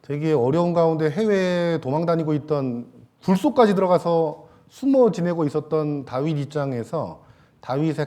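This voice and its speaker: Man preaching a relaxed Sunday sermon. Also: medium pitch. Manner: casual, joking asides to the congregation; many hesitation fillers, trailing off softly. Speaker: pastor. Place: church sanctuary.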